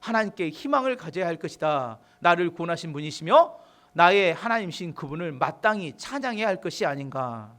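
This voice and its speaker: A male pastor preaching a sermon, calm when he reads scripture and loud when he urges the congregation. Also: fairly high pitch, a little fast. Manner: emphatic preaching that rises to loud exhortation; reads scripture aloud in a calmer, softer tone.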